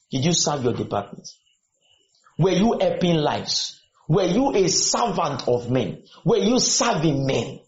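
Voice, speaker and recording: A man preaching a sermon to students, firing questions at them and repeating his points. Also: sits high. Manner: questioning, exhorting, repeats lines. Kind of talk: sermon with call and response. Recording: echoey room, dull lo-fi sound.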